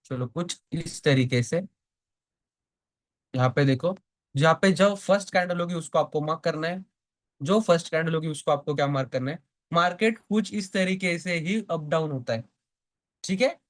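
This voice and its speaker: Teaching stock trading live online, this man speaks at a normal pace in a slightly high voice, leaving long pauses. He keeps quizzing his students, supplies the answers himself, and frequently makes sure they're keeping up.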